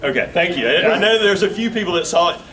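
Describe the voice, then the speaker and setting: A man's voice: high-pitched, lively intonation, fast talker, pushed and bright. Southern US man, 40s, easygoing joking guest speaker, recorded from a distance. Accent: Southern US, Augusta Georgia. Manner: folksy and joking, with filler words. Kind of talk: casual company talk. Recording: distant mic with faint room noise.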